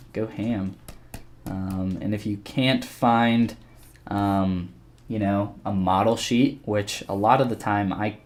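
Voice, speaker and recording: While he sculpts on a live stream, a man with a fairly low pitch offers a laid-back tutorial, wandering through his thoughts out loud and answering viewers in chat.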